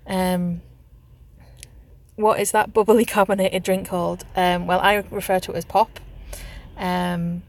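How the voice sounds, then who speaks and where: A woman from Northeast England, a vlogger doing an accent challenge, chats casually while sitting in a car, using lots of hesitant ums. She has a Northeast English accent and a lowish voice with little pitch movement, and she speaks a little slowly.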